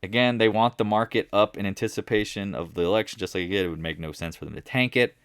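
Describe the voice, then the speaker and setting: A man's voice: fairly low pitch, quick pace, smooth, no room sound. A man giving a casual, rambling market recap, often restarting and correcting himself and joking along the way. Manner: rambling, self-correcting, jokey. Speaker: market commentator.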